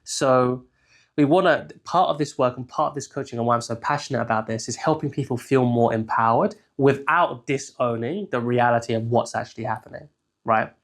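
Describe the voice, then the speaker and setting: A man's voice: mid-range voice, fairly quick. A young man, a coach giving a casual solo teaching talk, speaking conversationally and checking in with the listener after nearly every point. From England. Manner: conversational, keeps checking in with "right?". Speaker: life coach.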